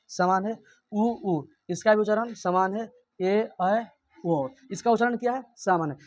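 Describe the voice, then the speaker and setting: A young man with a high-sitting voice teaches a grammar lesson, posing questions to the class and answering them himself while repeating each point.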